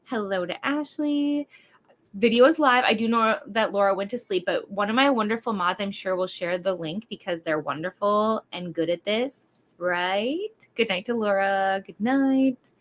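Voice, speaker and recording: Here the Wisconsin woman hosting the casual livestream talks at normal speed with a medium-pitched voice. Her chatter stays bubbly, hyper and over-caffeinated, full of rambling and fillers.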